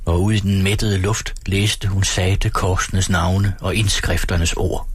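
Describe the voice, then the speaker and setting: A man reading a novel aloud as narrator, in a calm, measured way. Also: deep voice, husky, no room sound. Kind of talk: audiobook reading.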